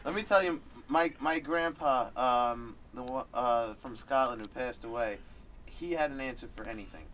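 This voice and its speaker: A man's voice: medium pitch, normal speed, fairly bright tone, recorded from a distance, a little hiss or hum. A man hosting a radio interview, telling stories casually in a rambling way full of "uh". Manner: rambling storyteller, uh-filled. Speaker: radio host. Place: radio studio.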